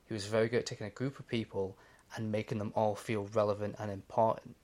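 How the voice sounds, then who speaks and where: A man's voice: on the low side, level tone, fast, a little mellow. A man co-hosting a podcast in casual chat, explaining his views at length with many "you know"s. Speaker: podcast co-host.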